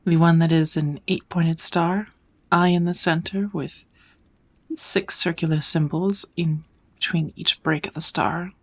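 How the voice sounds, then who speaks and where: In an ASMR roleplay, a woman plays a kind witch mentoring an apprentice, teaching in scripted second person. Her voice is soft, fairly low and very breathy, often slipping into a whisper, and her mood is gentle and instructive as she offers measured patience and steady encouragement.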